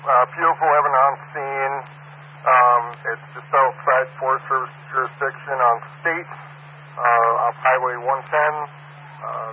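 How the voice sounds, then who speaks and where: A male dispatcher talks in clipped radio procedure over a narrow, phone-like two-way channel. Faint static hangs under his voice. He pauses between phrases as he reads reports back. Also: medium pitch.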